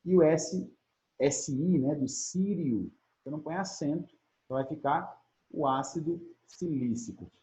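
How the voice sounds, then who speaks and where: A man's voice: on the high side, measured pace, dark tone. A man with a Brazilian Portuguese accent teaching a chemistry video lesson, asking himself questions and answering them. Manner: explanatory, asks and answers his own questions. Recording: muffled lo-fi audio.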